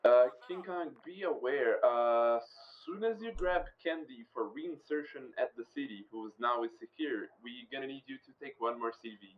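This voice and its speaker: A man giving military radio callouts as a ground commander in a game, halting and full of "uh" fillers, heard over a radio. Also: medium pitch. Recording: muffled radio with faint hiss.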